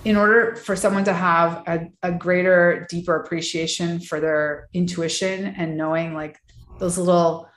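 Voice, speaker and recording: Woman, wellness coach, chatty and reflective, lowish voice, echoey room. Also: fairly even intonation, normal speed, slight background noise. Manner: chatty, reflective, many fillers and restarts. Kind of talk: casual podcast interview.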